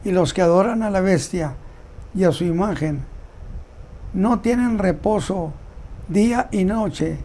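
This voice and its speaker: A man giving a Bible teaching sermon, reading scripture aloud and commenting on it in a slow, deliberate way. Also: high voice, mellow, slight background noise. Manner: slow, deliberate delivery with repeated words. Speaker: preacher.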